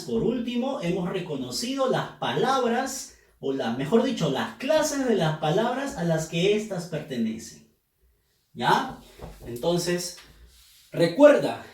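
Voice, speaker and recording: A man teaching a class, his voice rising and falling a lot as he leads students through syllable drills. He speaks slowly and patiently. The recording is roomy and echoey, picked up from some distance away from the mic. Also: high-pitched, a little mellow. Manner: patient, drills students by asking them to pronounce and count syllables. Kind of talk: classroom lesson on accent rules.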